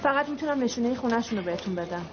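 A woman's voice: a little high, expressive, background noise, natural voice. A woman playing a cool, guarded photographer. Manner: cool, firm. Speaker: magazine photographer. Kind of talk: dubbed film dialogue. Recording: dull film soundtrack.

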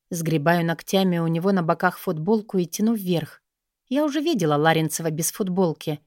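A woman's voice: on the low side, darkish tone, dry recording, clean studio sound. A woman reading scripted first-person romance fiction as an audiobook narrator, in an intimate, sensual way.

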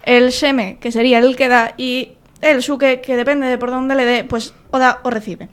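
Girl on local radio, kinda high voice, explaining stuff, trips on words. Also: flat delivery, moderate pace. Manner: explanatory, stumbles over words. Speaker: radio guest. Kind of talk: casual radio chat. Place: radio studio.

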